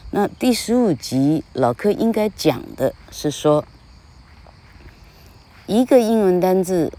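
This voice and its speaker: A woman's voice: low voice, dark tone. A woman hosting a podcast English lesson, talking in a chatty, rambling way and tagging phrases with a little "ha". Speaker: English teacher podcast host. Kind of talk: casual spoken lesson.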